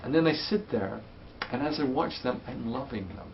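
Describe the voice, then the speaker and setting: A man's voice: medium pitch, expressive, normal speed, creaky, dull audio, slight background noise. Patient man teaching parents. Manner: gentle, patient, explains with hands-on demonstrations. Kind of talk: webinar teaching and answering parent questions.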